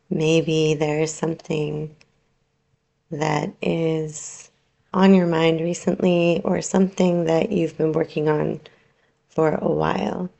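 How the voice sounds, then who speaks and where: This is a yoga nidra relaxation meditation led by a woman with a low, gravelly voice. She gives soft, soothing instructions at an unhurried pace and lets long pauses fall.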